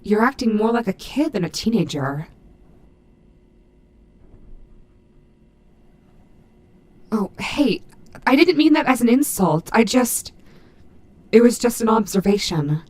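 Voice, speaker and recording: A woman voicing a gruff but maternal animatronic wolf in an audio roleplay, fiercely protective, with halting, earnest, emphatic delivery. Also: on the high side, sing-song, darkish tone. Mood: awkward, softened. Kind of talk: dramatic audio roleplay addressed to the listener.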